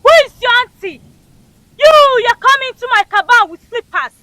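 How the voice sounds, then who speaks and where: A woman's voice: extremely high pitch, expressive, moderate pace, pushed and bright, heavily acted. Woman playing a menacing goddess queen mother. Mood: imperious. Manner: imperious, threatening. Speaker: comedy skit actor. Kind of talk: Nigerian comedy skit acting.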